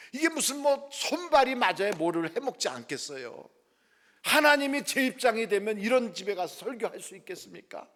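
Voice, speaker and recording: A middle-aged male pastor preaching a sermon, telling a story with lively delivery and acting out the people in it. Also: sits high. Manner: lively storytelling, acts out quoted voices softly. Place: prayer house worship hall. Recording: long hall reverb.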